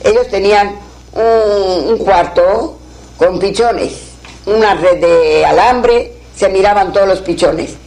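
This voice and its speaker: A woman's voice: mid-range voice, slow, darkish tone, rough recording. A woman telling an old folktale aloud, repeating phrases in a rhythmic, spoken way. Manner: repetitive, rhythmic retelling with quoted dialogue. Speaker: storyteller.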